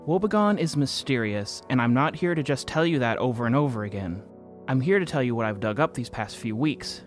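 A male actor voices the narrator and protagonist of an audio fiction podcast, a wry, guarded young man confessing in first person about a secret online game. His mid-pitched delivery is lightly acted, conversational, dry, sardonic and self-deprecating, with instrumental music playing underneath.

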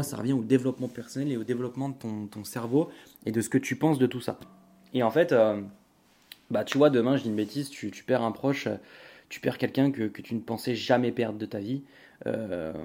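A man's voice: medium pitch, mellow. A young man hosting a casual solo podcast, rambling with many fillers and restarts while talking straight to the listener. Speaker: podcast host.

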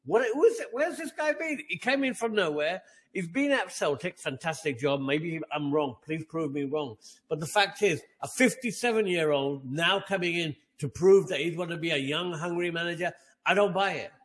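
A man's voice: on the high side, normal speed, a bit bright. A middle-aged man co-hosting a fan podcast, ranting indignantly and firing off rhetorical questions. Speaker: podcast co-host. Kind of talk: heated fan podcast rant.

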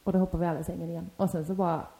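A woman's voice: on the low side, flat delivery, vocal fry, warm tone. A woman telling a story in casual chat, laughing often and acting out quotes. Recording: echoey room with faint noise.

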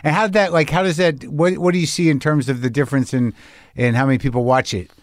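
A man in his fifties from New Mexico hosting a casual chat, laid-back and full of quick agreements. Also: on the high side, fairly even intonation, no room sound, studio quality. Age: 50s. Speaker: host.

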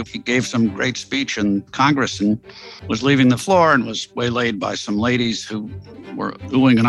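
A man's voice: medium pitch, fairly bright tone, rough recording. A man, a historian guest, explaining history in a casual, enthusiastic storytelling way with fillers. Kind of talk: interview explanation.

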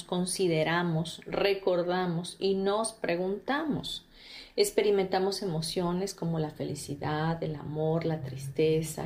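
Woman, lower register; informal spiritual teacher who talks straight to the listener and restarts often. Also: darkish tone. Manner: conversational, addresses the listener directly, frequent fillers and restarts.

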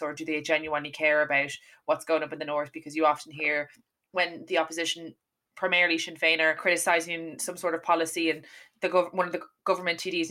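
A woman's voice: sits low, bright, forceful tone. A young woman with an Irish accent, speaking earnestly and emphatically as a podcast host discussing current affairs.

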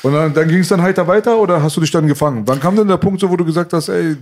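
A man interviewing a guest in a relaxed, colloquial way, asking probing follow-up questions. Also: fairly high pitch, rapid-fire.

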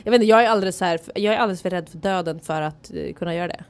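A woman co-hosting a casual podcast, telling stories and acting out what others said. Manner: animated storyteller, acts out quotes in a high squeal. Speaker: podcast co-host. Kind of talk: casual chat.

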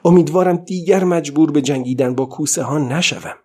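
In this audiobook reading, a man voices an exhausted, stubborn old fisherman alone at sea, who talks to himself in weary murmurs broken by defiant outbursts. His voice is a little high and warm, with a breathy edge.

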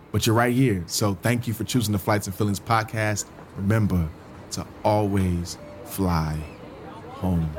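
A man hosting a podcast, chatting casually and informally to his listeners. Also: sits low. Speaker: podcast host. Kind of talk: casual podcast outro chat.

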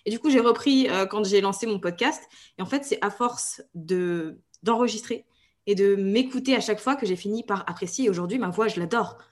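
A woman hosting a podcast, telling a personal story in an animated, conversational way. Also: medium pitch, fairly quick. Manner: animated storytelling, warm agreement. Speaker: podcast host. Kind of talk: conversational interview.

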